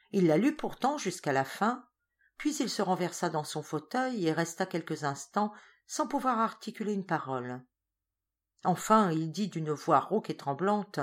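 A woman narrating an audiobook in a calm, measured storytelling manner. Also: mid-range voice. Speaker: audiobook reader. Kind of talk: scripted narration.

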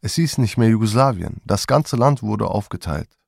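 Male memoir narrator, measured delivery, low and dry. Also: gravelly, no echo. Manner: calm, measured storytelling.

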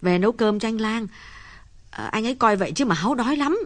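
A man reading an audiobook voices an anxious young wife who talks in rapid, shrill outbursts. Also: lively intonation, a bit bright. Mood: weary. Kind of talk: audiobook character voice.

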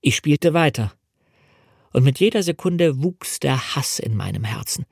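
A man reads a novel aloud in a measured, dramatic first-person style. His voice sits in a middle range for a man. The studio recording is dry and close, with no room sound. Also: medium pitch, animated, gravelly, darkish tone, husky, dry recording. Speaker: audiobook reader. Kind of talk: scripted audiobook narration.

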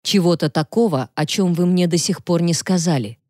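A woman's voice: on the low side, moderate pace, a little mellow, dry recording, clean studio sound, natural voice. A grave defense lawyer, as a woman reads him. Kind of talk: audiobook reading.

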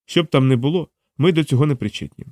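Brief: a commanding, menacing male officer, put on by a man, a bit higher than his own voice. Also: fast talker, darkish tone, dry recording, natural voice. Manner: stern, threatening.

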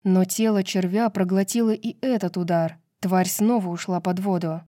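An audiobook narrator, a woman with a medium-pitched voice, reads a scripted fantasy novel in an even, measured way. The recording is dry and clean, with studio quality.

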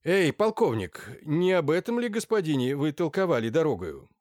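Brief: a man playing an old general, pompous and indignant, barking orders in a lively raised voice, dry close sound. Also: a little high, normal speed, dry recording, pitched above the performer's own voice. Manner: indignant, commanding outbursts. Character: blustering, half-blind old male general.

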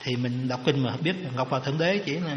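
A man's voice: medium pitch, fast talker, lo-fi sound, a little hiss or hum. A man, a monk telling a story in a sermon with folksy asides. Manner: folksy, lively retelling with jokes and asides. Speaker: monk giving a dharma talk. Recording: echoey reverberant hall.

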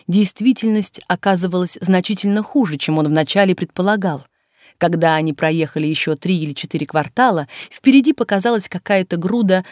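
A woman narrating a novel aloud in a steady, measured reading. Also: fairly low pitch, no echo, studio quality. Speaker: audiobook narrator.

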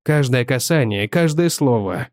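A man's voice: mid-range voice, animated, unhurried, a little mellow, dry recording, clean studio sound, natural voice. A man voicing a jealous, bitter husband who accuses his wife with sarcasm, in an audiobook reading. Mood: accusing.

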